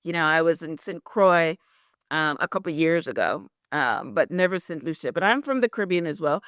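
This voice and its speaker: A woman's voice: deep voice, lively intonation, moderate pace, fairly bright tone, no echo, studio quality. A woman from Guyana hosting a podcast interview, chatty and affirming, with many "very nice" replies. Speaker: podcast host. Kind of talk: podcast interview with reading of a synopsis.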